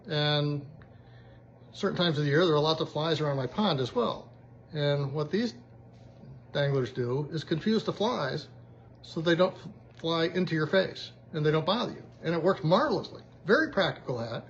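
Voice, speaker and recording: A man's voice: fairly high pitch, gravelly. A man chatting in a casual video diary, upbeat and rambling as he shows things off. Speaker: vlogger. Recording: dull lo-fi sound with faint background hiss.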